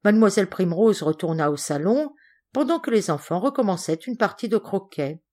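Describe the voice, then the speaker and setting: A woman narrates a classic children's story at an even, measured pace. Her reading is clear and steady, with a mid-range voice. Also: mid-range voice. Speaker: audiobook reader.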